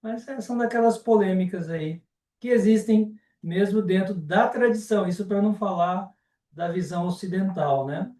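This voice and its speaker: A man with a Brazilian Portuguese accent teaching a live online class, unhurried and often ending sentences with a checking question. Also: high voice, warm tone, far from the mic. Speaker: Sanskrit teacher. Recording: roomy and off-mic.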